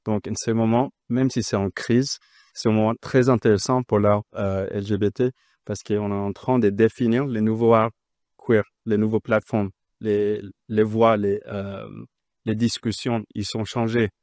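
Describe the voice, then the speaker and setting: A man speaking on a panel, unscripted, in halting, non-fluent French. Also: on the low side, steady tone, a little mellow, no echo, studio quality.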